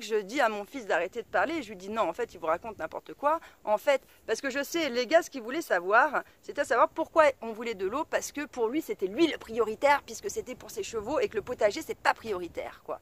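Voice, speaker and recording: A woman's voice: fairly high pitch, dry recording. A woman vlogger casually telling a story to her viewers, blunt and colloquial, swearing freely and full of fillers. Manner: chatty, full of fillers and asides. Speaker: off-grid vlogger.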